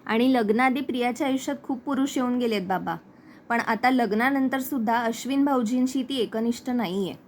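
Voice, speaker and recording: An accusing young woman exposing her sister-in-law, voiced simply by a woman recapping a serial. The voice sits fairly high. The delivery is a steady reading. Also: a little fast, slight background noise, natural voice. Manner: plain reading of quoted lines.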